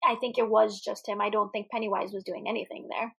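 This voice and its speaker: A woman co-hosting a podcast in casual film chat, animated, laughing often and swearing freely. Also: medium pitch, quick pace, creaky, husky. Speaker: podcast co-host. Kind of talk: casual movie discussion.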